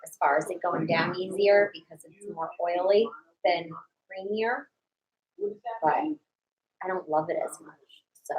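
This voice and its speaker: A woman's voice: on the low side, low-quality recording. A woman co-hosting a casual live-streamed podcast, talking as she eats peanut butter. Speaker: podcast co-host.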